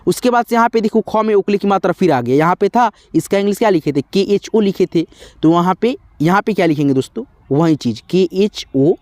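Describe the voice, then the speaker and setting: A man's voice: high voice, expressive, fast talker, a little mellow, no room sound. A man teaching spelling to viewers in a patient, repetitive way, often calling them friends. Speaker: English teacher. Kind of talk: spelling lesson in Hindi.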